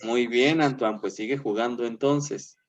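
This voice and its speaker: A male teacher giving an online class in a chatty way, filling pauses with "eh" and "este" and checking in with "¿verdad?". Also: mid-range voice, fairly even intonation, lo-fi sound.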